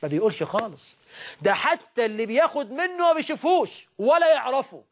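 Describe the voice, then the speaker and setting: A high-pitched male preacher with an Egyptian accent. He stretches recited passages out slowly, then breaks into sharp, raised exhortations. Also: big pitch swings. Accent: Egyptian Arabic. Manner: dramatic swings, slow drawn-out recitation and sudden raised outbursts. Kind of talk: sermon.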